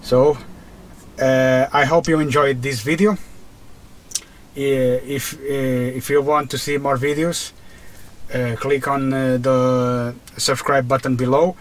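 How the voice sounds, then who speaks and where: A man with a Portuguese accent narrates a car test as a vlogger from inside the car, talking casually while driving. He hesitates, using many fillers and restarts, and speaks slowly in a level, mid-range voice.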